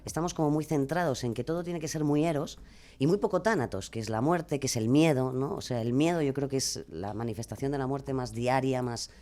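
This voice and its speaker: Appearing as a guest on a casual radio interview, a true-crime podcaster speaks in a bass voice with a Castilian Spanish accent. She is brisk and expressive, rambling a bit and explaining herself in an informal, self-deprecating way.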